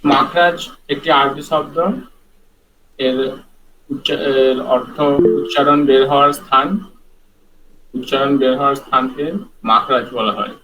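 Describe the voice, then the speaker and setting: A man who is a student in an online class, slowly reciting letter drills in a measured, repetitive way. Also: medium pitch, steady tone, far from the mic, background noise.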